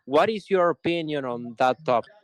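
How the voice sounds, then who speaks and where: A man calling into a live discussion over a remote call whose audio cuts in and out, speaking in halting phrases with false starts. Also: on the high side, lively intonation. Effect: remote call audio cutting in and out. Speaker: call-in participant on a live stream. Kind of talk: casual discussion.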